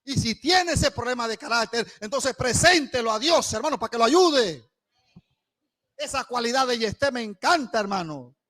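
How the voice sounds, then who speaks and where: High-pitched impassioned male preacher. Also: expressive, moderate pace. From Panama. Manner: preacher swinging between loud calls and hushed asides, acting out quoted voices. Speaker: pastor. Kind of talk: sermon. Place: church.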